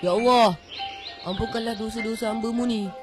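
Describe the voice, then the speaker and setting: A woman's voice: a little high, fairly even intonation, moderate pace, natural voice. A woman voicing a bewildered, remorseful lost village boy in a voice drama, pleading and talking to himself. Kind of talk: amateur voice drama. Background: music.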